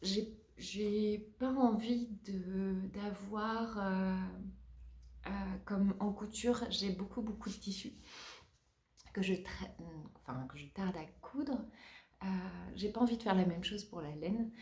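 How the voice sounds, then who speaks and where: A woman's voice: mid-range voice, slow pace, darkish tone. A woman hosting a knitting podcast in casual chat, hesitant with many fillers and restarts. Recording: roomy echo.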